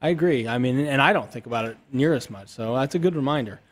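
A man hosting a podcast interview, relaxed and affirming, on a desk boom mic in an office studio. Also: quick pace. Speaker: podcast host. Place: office studio with large windows.

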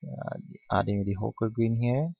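A man giving a step-by-step painting lesson, speaking unhurriedly with many pauses and fillers. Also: on the low side, vocal fry, no echo. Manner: unhurried, hesitant with frequent fillers. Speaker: painting instructor. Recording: dull lo-fi recording.

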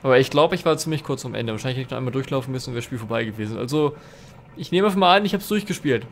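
A man's voice: mid-range voice, animated, racing, vocal fry, a little hiss or hum. A young man commenting live on a horror game as a let's play host, restless and jumpy, swearing and talking to his viewers. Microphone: facecam with desk mic.

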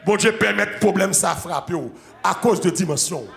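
A Haitian man preaching a sermon as pastor, breaking into loud shouted bursts and dropping into quiet storytelling. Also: sits high, moderate pace, gravelly, echoey room, slight background noise.

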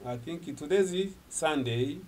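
An older man whose first language is Swahili preaches and prays emphatically in English at a studio desk, gesturing as he closes a sermon and leads a prayer. His voice is fairly high, expressive, a little slow and darkish, with slight hiss or hum, and he sits distant from the mic.

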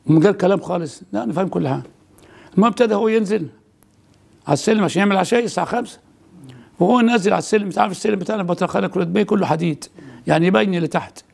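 An older man, a priest with an Egyptian Arabic accent, telling a story in casual conversation. He talks in quick bursts with frequent restarts and repeated words. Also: sits high, creaky, a little mellow, slightly rough. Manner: rapid, halting retelling with many restarts and repeated words.

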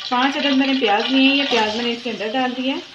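This fairly high-voiced woman hosts a cooking channel, walking through a recipe one step at a time at a relaxed pace with plenty of repetition and fairly even intonation. Frying sounds from the pot come through clearly in her echoey home kitchen, though the recording is muffled and the background noisy.

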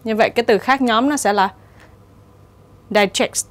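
A woman teacher giving a steady, explanatory exam-prep lesson and reading the answer options aloud. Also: a little high, quick pace. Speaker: English teacher.

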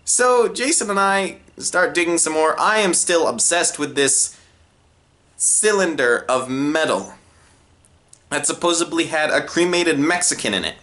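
Young male storyteller, bright voice, wide pitch swings, deadpan-to-exasperated delivery. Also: measured pace. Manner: expressive, swings from low deadpan asides to high exasperated outbursts. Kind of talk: animated storytime narration.

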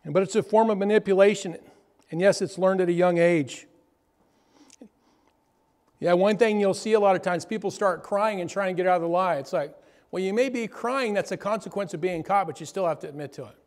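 A man's voice: high-pitched, a little fast, darkish tone. A man preaching a sermon to his church, often asking the crowd "amen?" and "right?". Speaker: pastor. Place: church hall. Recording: long hall reverb.

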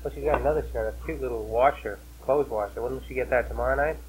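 A woman's voice: very deep voice, quick pace, a little mellow, a little hiss or hum, poor audio. A woman chatting in a plain, matter-of-fact way at a family gathering, heard on an old 1950s home wire recording. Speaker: family member at a holiday gathering. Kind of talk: casual family chat.

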